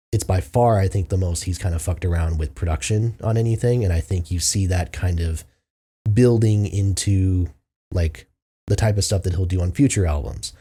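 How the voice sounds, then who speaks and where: Low, husky-voiced man reviewing albums. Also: warm tone. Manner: loose, filler-heavy, thinking aloud. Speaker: music reviewer host. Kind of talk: casual album review monologue.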